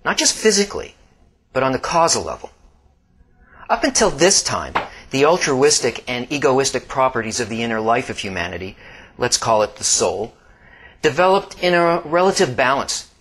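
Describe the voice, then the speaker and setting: A male narrator reads a scripted explainer at a mid pitch, in a slow, dramatic way that drops to a hush and then rises with emphasis. A steady hiss runs under his voice the whole time. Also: poor audio.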